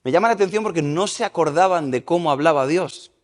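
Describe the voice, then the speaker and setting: A man preaching a sermon at a church service, lively and questioning the congregation. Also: a little high, fast. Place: church service in a large hall. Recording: reverberant church hall.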